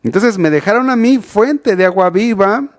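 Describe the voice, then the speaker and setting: Preaching to the youth at a church, with the service streamed online, this man speaks with a Mexican Spanish accent. His voice is high-pitched and expressive at a normal speed, and his casual delivery is full of restarts and rhetorical questions.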